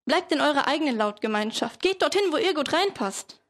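A woman's voice: high-pitched, expressive, a little fast, a bit bright, voice pushed up. A teenage woman voicing a rowdy, patriotic preposition who rants against newcomers. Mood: ranting. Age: teens. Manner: ranting, rabble-rousing.

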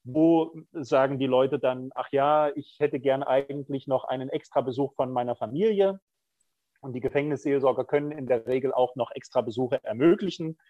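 A middle-aged prison chaplain with a mid-range, dark-toned voice appears as a podcast guest in a reflective conversational interview. He speaks candidly and thoughtfully with frequent hesitations. The audio is dull with no room sound.

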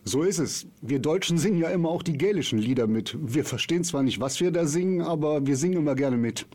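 A male radio podcast host with a husky, slightly breathy voice, chatty and keen about music. He presents and asks questions in an easy, enthusiastic way. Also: a little high, expressive, fast, warm tone.

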